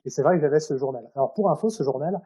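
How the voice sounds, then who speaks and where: A man's voice: a little high, very fast, mellow, breathy edge. A man speaking informally and hesitantly as an author being interviewed. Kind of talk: casual interview, telling anecdotes about his own writing.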